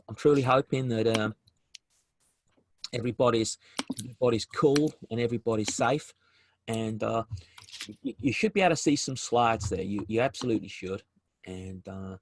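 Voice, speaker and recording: A South African man presents a business webinar over a video call, frequently repeating words and restarting phrases. His voice is medium-pitched, with a little hiss or hum.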